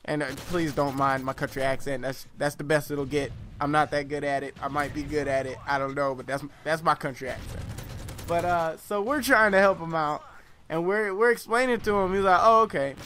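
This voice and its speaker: Young male vlogger, casual rambling storyteller with lots of fillers, bright and slightly high voice. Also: fairly quick, slight background noise. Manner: rambling, animated, laughs often, lots of fillers.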